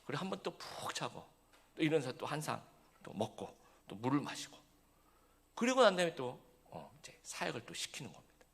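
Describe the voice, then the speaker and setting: A man's voice: fairly high pitch, very animated, a little fast, vocal fry, husky. A man preaching a sermon as pastor, talking conversationally and checking in with the congregation through rhetorical questions.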